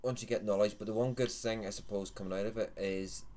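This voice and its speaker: A man's voice: lowish voice, steady tone, fast, darkish tone. A Northern Irish man in his thirties, hosting a casual livestream chat. He rambles, corrects himself and jokes. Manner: rambling, self-correcting, jokey. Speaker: host of a vaping livestream.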